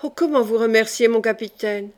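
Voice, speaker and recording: A woman's voice: a little high, fairly quick, close to an everyday voice. A woman reading the part of a poor, humble male railway worker who speaks in a trembling voice. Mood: grateful.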